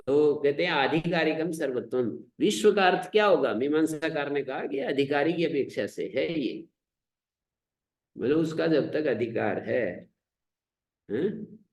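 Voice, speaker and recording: An older man with an Indian Hindi accent teaching a scripture lesson, chanting Sanskrit verses, explaining them slowly and asking rhetorical questions. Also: fairly high pitch, lively intonation. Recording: echoey room.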